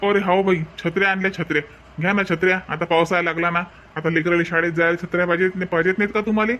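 A man voices a chatty village umbrella seller in a comic cartoon, with folksy sales patter in a Varhadi Marathi accent from Vidarbha. His voice is high-pitched, steady and sharp in tone, and he talks rapid-fire. He sounds friendly and persuasive.

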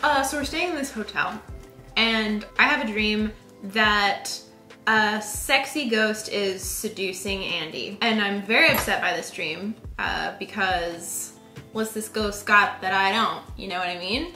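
Bright, wry joking woman in an echoey room. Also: mid-range voice, unhurried, soft background music. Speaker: co-host. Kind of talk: casual chat.

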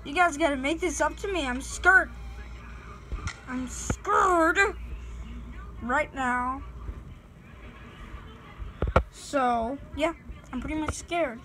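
A woman's voice: sits high, takes it slowly, pauses often, pushed and bright, slight background noise, low-quality recording. A woman giving nervous let's play commentary, sounding scared and pleading with her fans. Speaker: gaming channel host.

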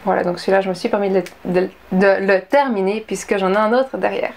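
A woman's voice: medium pitch, fairly even intonation, fast, vocal fry, a little mellow, slight background noise. A young woman chatting casually through a beauty product review, full of fillers and asides. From Switzerland. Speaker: beauty vlogger.

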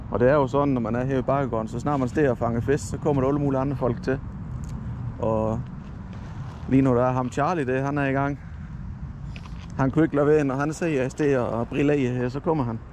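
This fishing vlogger speaks in a mid-range, slightly mellow voice, narrating his lakeside outing in a chatty, rambling manner and correcting himself along the way. It's recorded on a head-mounted action camera with slight background noise.

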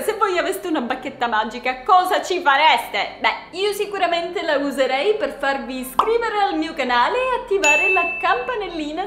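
Bubbly high-voiced young woman. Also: echoey room. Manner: bubbly and excitable, talks to viewers. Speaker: YouTuber host. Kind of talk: casual gaming vlog.

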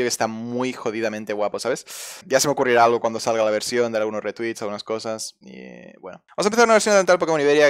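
A young man streaming a video game, chatting casually and excitably, swearing and reading on-screen text aloud. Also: medium pitch, clean tone. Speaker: gaming streamer. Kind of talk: casual gameplay commentary.

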